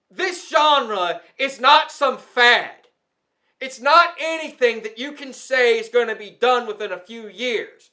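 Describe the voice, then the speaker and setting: The platform is the target of this indignant, emphatic rant from a male ASMR content creator. His very high voice sounds pushed and bright, and he scolds while repeating phrases for effect.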